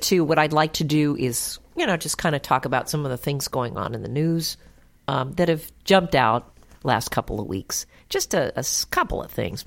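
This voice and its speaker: A woman hosting a call-in advice radio show, chatty and reassuring, full of fillers. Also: sits low.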